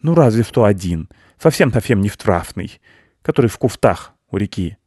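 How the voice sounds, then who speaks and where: A man's voice: on the low side, expressive, normal speed, a little mellow, breathy edge, no room sound, clean studio sound, pitched above the performer's own voice. A man voicing a timid, boastful male hare with a lisp in an audiobook. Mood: defensive. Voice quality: lisping. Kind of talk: audiobook character voice.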